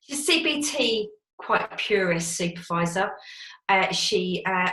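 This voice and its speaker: A counsellor in private practice asks a polite, measured question over a video call from a shed that gives her voice an echo. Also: medium pitch, lively intonation, pushed and bright, slight background noise. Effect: echoey shed. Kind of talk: audience question on a webinar. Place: garden shed. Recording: echoey small room.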